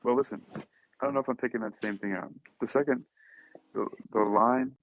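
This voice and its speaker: A man with a medium-pitched, fairly even voice talks briskly as a podcast host, casually discussing and reading poetry. He questions things playfully in mock exasperation, over dull lo-fi sound with a little hiss or hum.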